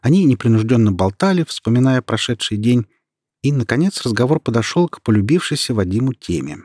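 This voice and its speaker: A man narrating an audiobook in a steady, even storytelling manner. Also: medium pitch, fairly quick, dry recording, studio quality.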